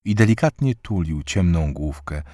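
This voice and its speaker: A man calmly reading a novel aloud as narrator. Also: deep voice, moderate pace, no room sound, studio quality. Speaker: audiobook narrator. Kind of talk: scripted narration.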